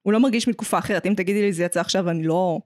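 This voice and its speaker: A woman's voice: mid-range voice, darkish tone, no room sound, clean studio sound. A woman with an Israeli accent co-hosting a casual pop-culture podcast, opinionated and jokey, dropping in English phrases. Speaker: podcast co-host.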